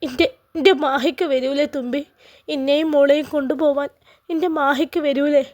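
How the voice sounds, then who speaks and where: A woman's voice: high-pitched, fairly even intonation, moderate pace, darkish tone, close to an everyday voice. A woman voicing a grieving young wife who pleads tearfully as she waits for her husband, with a Malappuram Malayalam accent. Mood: pleading.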